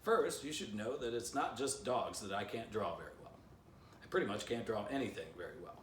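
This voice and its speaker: Reading from a children's book he wrote, this fifties-aged man chats playfully with young listeners in a fireplace-lit living room. He speaks fairly quickly in a lowish, animated voice with a fairly bright tone. The camera is a few feet off, giving a roomy, slightly distant home sound with faint hiss or hum.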